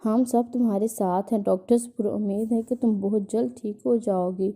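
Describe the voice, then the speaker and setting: Voiced by a woman reading aloud, a tender middle-aged mother figure coaxes and gently scolds in a storybook. Her voice is very dark and mellow, and her pitch stays fairly flat and even. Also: lightly acted.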